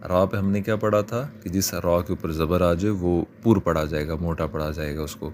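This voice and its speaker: A man with a Pakistani Urdu accent teaching children's Quran reading, slowly spelling out letters and vowel marks between quicker explanations. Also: low-pitched, fairly even intonation, a little mellow, slight background noise. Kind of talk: spelling out syllables for learners.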